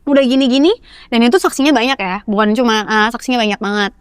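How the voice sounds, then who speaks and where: A young woman telling a story in a casual podcast interview, animated and acting out the voices of the people she quotes. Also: on the high side, fast talker, smooth, dry recording, clean studio sound. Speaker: guest actress.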